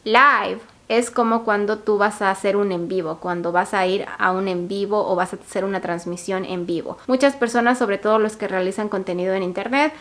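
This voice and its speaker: A woman teaches a casual language lesson to camera. She explains patiently at a mid pitch and repeats each example word slowly so it sinks in. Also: fairly even intonation, a bit bright. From Ecuador. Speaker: YouTube English teacher.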